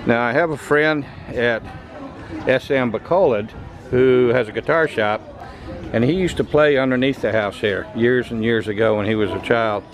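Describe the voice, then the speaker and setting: A man's voice: mid-range voice, moderate pace, faint music behind. Older man chatting while filming outdoors. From United States. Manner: chatty, pointing things out while walking. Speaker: travel vlogger. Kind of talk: casual travel commentary. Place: outdoors in a tropical garden. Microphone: camera mic, handheld. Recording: outdoor noise on camera mic.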